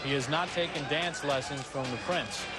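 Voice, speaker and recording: A man's voice: on the high side, moderate pace. A man giving live boxing commentary, setting out facts and records in an announcer's delivery. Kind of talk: live broadcast sports commentary. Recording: loud music and crowd behind commentary. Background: loud entrance music and arena crowd.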